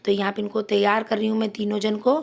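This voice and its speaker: A woman with a hoarse throat narrating her daily household routine as a casual vlog voice-over, explaining each step. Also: medium pitch, completely flat delivery, quick pace. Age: adult mother. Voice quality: gravelly. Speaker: vlogger.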